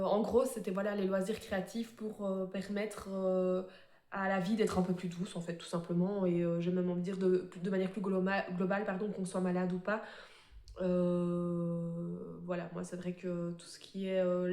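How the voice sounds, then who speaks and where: A woman chatting casually to camera about her embroidery, full of fillers and quick self-corrections. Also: on the low side, level tone, warm tone. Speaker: cross-stitch vlogger. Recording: echoey room.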